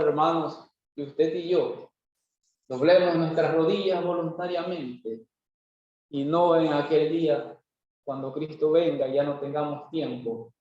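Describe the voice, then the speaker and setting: A man's voice: sits high, darkish tone. A man preaching a sermon in a church, driving points home with rhetorical questions and emphatic repetition. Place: church worship hall. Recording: very echoey hall, dull lo-fi sound.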